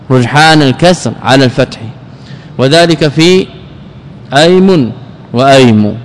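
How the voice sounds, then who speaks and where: A man's voice: medium pitch, long reverb tail, slight background noise. A man, a sheikh teaching grammar, who explains the rules step by step, repeats his example words and prompts his listeners with questions. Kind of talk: lesson.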